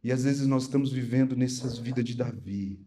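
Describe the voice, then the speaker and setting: A middle-aged Brazilian man preaching a sermon, telling a personal story with animated swings between loud and soft. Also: medium pitch, brisk. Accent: Brazilian Portuguese. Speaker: pastor.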